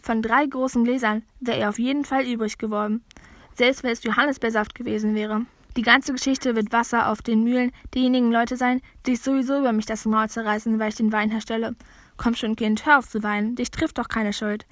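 A woman voicing a stern, practical older woman who is a girl's guardian in a read-aloud storybook, speaking briskly and scolding a little. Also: fairly high pitch, level tone, no room sound, lightly acted.

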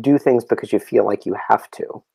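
A man who is a guest on a podcast, telling travel stories in a halting way with many restarts. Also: lowish voice, creaky, mellow, breathy edge, dry recording, rough recording. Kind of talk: casual podcast interview.

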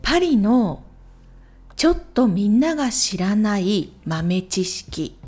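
A woman hosting a solo podcast, talking clearly and unhurriedly, with soft whispered asides. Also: medium pitch, very animated, slow, faint music behind. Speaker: podcast host. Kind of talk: scripted solo podcast recommending YouTube channels.

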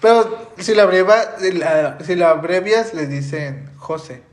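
A man's voice: high-pitched, a little slow, echoey room. A man with a Mexican Spanish accent co-hosting a podcast, rambling through stories in casual chat and trailing off as he searches for names. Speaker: podcast co-host.

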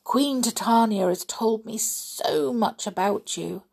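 A gentle girl fairy with a soft, pleading storybook lilt, as a woman reading aloud puts her on. The voice moves slowly, with a gravelly, husky edge. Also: mid-range voice, heavily acted. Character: kind gentle girl fairy, snow queen.

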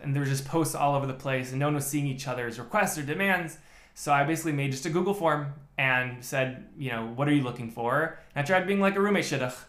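A slightly high, quick, somewhat bright male voice belongs to an American podcast guest telling his story methodically, restarting often. It's a casual interview chat recorded in an echoey room.

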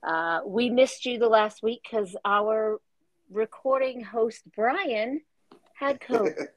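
A woman's voice: on the high side, takes it slowly, no room sound, rough recording. A woman from Florida hosting a casual podcast chat from a bedroom, talking in a chatty, emphatic way. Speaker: podcast host. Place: niece's bedroom.

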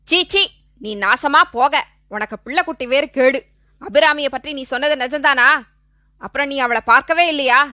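A woman voicing a vengeful young male outlaw who shouts threats through clenched teeth. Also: high voice, normal speed, no room sound, studio quality. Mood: menacing.

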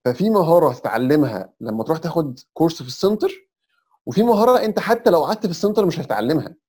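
A man's voice: on the high side, expressive, rapid-fire, darkish tone, breathy edge. A young Egyptian man with an Egyptian Arabic accent, a podcast guest explaining advice step by step in a casual chat. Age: young adult. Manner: explains step by step, sprinkles English terms.

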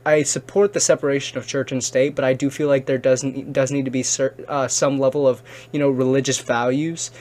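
A young man co-hosting a podcast, speaking casually in a halting way, repeating words and saying "you know" often. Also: medium pitch, little pitch movement, a little mellow. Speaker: podcast co-host. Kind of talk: casual chat.

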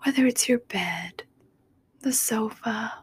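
Woman, host, breathy whisper, very slow, soothing sleep meditation, dry close condenser mic. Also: a little high. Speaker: podcast host. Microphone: USB condenser microphone.

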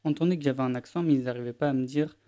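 A man's voice: medium pitch, racing, warm tone. A young man from France hosting a casual solo language-learning podcast, speaking informally to the listener with frequent restarts and fillers.

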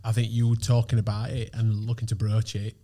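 A man's voice: fairly low pitch, flat delivery, brisk, mellow, a little hiss or hum. A man in his thirties, an agency founder, talking as a podcast guest in a chatty, rambling way. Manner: chatty, rambling, lots of "like" and restarts. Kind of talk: casual podcast chat.

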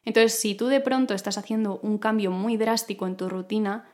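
A woman's voice: mid-range voice, steady tone, brisk, a little mellow. A woman with a guttural, throaty R talks as a podcast host, giving an informal, explanatory self-improvement monologue addressed straight to the listener.

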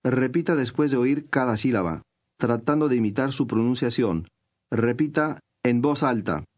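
A man reading scripted instructions for a language course, clear and measured. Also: mid-range voice, expressive, a little mellow.

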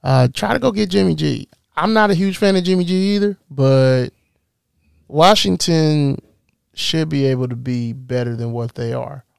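Male podcast co-host, casual sports talk, stumbles over his words, gravelly, close and dry. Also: fairly high pitch, moderate pace, no echo.

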